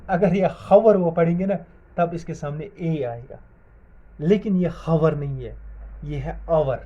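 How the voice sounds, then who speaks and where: A man's voice: a little high, unhurried. A man teaching English grammar in a video lesson. He spells words out letter by letter and asks the class questions, then answers them himself. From Jammu and Kashmir. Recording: dull lo-fi sound.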